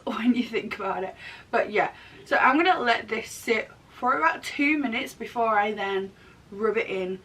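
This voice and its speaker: A woman in her thirties chatting casually through a makeup tutorial while getting over a throat and chest infection. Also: fairly bright tone. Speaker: makeup artist and vlogger. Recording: distant mic, rumbly background noise.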